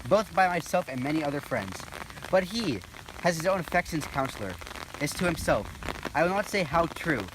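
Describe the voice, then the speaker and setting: A man's voice: on the high side, very animated, normal speed. A man playing a concerned family elder, reciting in an amateur Shakespeare parody. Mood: worried. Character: concerned male elder of a feuding house. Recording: noisy recording with ambient hiss.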